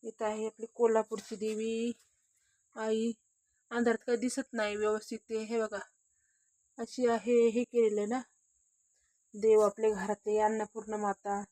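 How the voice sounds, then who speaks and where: Woman, casual home vlog, chatty, repeats herself, filmed outdoors on a phone, fairly high voice. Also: little pitch movement, normal speed, pauses often, mellow, dry recording. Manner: chatty, repeats "hey bagha" often. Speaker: vlogger. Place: outdoors at a village home at dusk.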